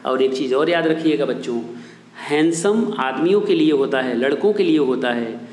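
A man's voice: on the high side, moderate pace, a little mellow. Man teaching in an echoey room. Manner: rhetorical questions, then answers them himself and repeats; addresses viewers as his dear children and friends. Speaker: English teacher. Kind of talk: online video lesson in Hindi. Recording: echoey room with long reverb.

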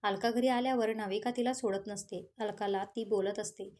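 A woman's voice: medium pitch, fairly even intonation, normal speed, darkish tone. Woman reading a romance story aloud. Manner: plain read-aloud delivery with small slips and restarts.

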